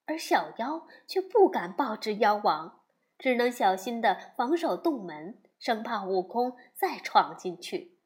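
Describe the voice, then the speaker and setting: A woman telling a classic tale as storybook narration, expressive and acting out the characters. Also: a little high, unhurried.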